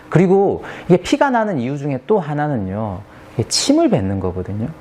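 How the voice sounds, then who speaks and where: A man's voice: mid-range voice, slight background noise. A man speaking as a dentist, explaining patient aftercare in an emphatic way and asking rhetorical questions.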